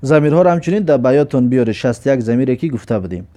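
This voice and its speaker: A man teaching an Arabic grammar lesson. He explains step by step, asks and answers his own questions, and reads the example sentences slowly. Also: medium pitch, lively intonation, dark tone.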